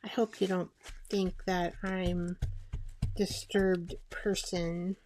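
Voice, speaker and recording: A woman chatting casually as she makes a collage, rambling and talking to herself while she glues, her voice soft and sometimes dropping to a whisper. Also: on the low side, little pitch movement, slow, slight background noise. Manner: soft-spoken, drifting into whispers. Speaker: collage artist. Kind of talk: casual crafting narration.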